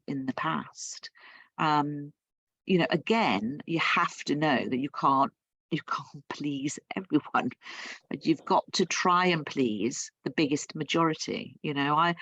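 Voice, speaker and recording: A woman's voice: deep voice, dry recording. A woman guest speaker from the United Kingdom answering webinar questions thoughtfully, with many restarts and fillers.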